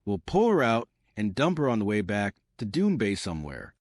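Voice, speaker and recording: A man's voice: lowish voice, huge pitch swings, normal speed, no room sound, clean studio sound. A man voicing a cocky male thug leader, bossy and offhand, in a comic read-aloud.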